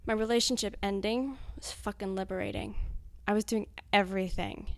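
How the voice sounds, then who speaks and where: Young woman, 20s, interviewee; blunt, confessional, swears a lot; slight vocal fry. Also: medium pitch, fairly even intonation, a little fast, dry recording. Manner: blunt, frank, swears freely. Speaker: anonymous interviewee. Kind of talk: candid recorded interview, cut into fragments.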